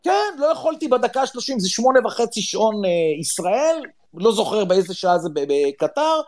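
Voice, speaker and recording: A middle-aged man from Israel telling a story with drama, often urging his listeners to listen well. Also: high-pitched. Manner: excitable, dramatic, swears, repeats "listen well". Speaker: podcast panelist. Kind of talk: animated storytelling.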